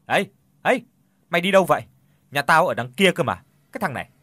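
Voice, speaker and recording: A man voicing a frightened young village woman who calls out in a shrill, panicked way. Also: expressive, normal speed, bright, forceful tone, no echo, studio quality. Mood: alarmed.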